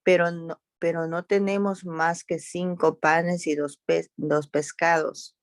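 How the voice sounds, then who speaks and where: A woman's voice: on the low side, level tone, slow pace, dry recording, clean studio sound. A woman reading aloud the worried words of a group of grown male disciples.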